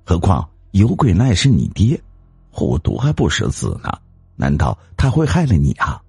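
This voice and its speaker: A man's voice: wildly swooping pitch, moderate pace, gravelly, darkish tone, breathy edge, no echo, heavily acted. A man voicing a greedy, scheming wife who bosses and scolds her timid husband. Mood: scornful. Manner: scolding, bossy, shrill. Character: scheming greedy wife, woman, sharp-tongued.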